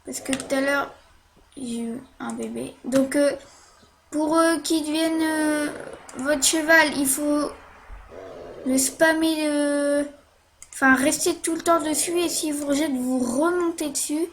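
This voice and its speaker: Woman, high voice, unhurried, casual game tutorial, hesitant with lots of fillers. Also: fairly even intonation, slight background noise. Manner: hesitant, many fillers and "hop" while playing.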